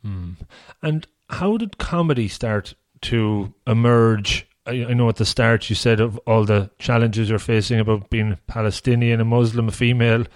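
A man's voice: mid-range voice, moderate pace, dry recording, studio quality. A man hosting a conversational interview, feeling his way through questions with hesitant, searching phrasing. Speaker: podcast interviewer, host.

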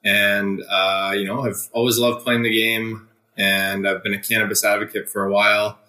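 A young man, a hockey player from Ontario, telling his story in an interview in an earnest, measured way with many fillers. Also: lowish voice, little pitch movement, pushed and bright, echoey room. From Ontario, Canada. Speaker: guest, pro hockey player.

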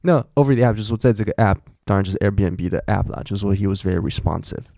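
A man's voice: on the low side, fast, creaky, dark tone, no echo, clean studio sound. A man, hosting a casual podcast lesson and explaining English words in a chatty way full of fillers. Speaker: podcast host and English teacher.

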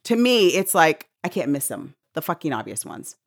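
A middle-aged woman co-hosting a casual podcast chat, animated, laughing a lot and swearing freely. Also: sits low, moderate pace, no room sound, studio quality. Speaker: co-host.

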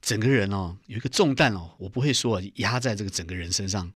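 A middle-aged man tells his story earnestly, with a somewhat low voice. The recording is close and dry. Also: fast, breathy edge, no echo. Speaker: guest giving testimony. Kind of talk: personal testimony interview.

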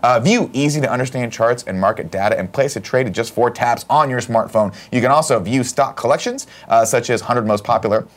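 A man's voice: medium pitch, a little fast, few pauses. A man co-hosting a comedy podcast, joking around and reading sponsor ads in a hammy announcer manner. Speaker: podcast co-host. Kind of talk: casual chat and live-read ads.

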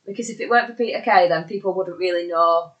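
A woman's voice: lowish voice, fast talker, lo-fi sound. Chatty Bolton woman in her thirties. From Bolton, England. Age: 30s. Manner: chatty, self-deprecating, laughs easily. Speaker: podcast guest. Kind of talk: casual interview chat.

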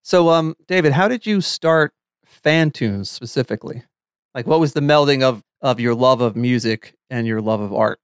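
A man co-hosting a fan podcast, chatty and quick to laugh. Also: mid-range voice, clean tone, no echo, studio quality. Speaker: podcast co-host. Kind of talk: casual podcast chat.

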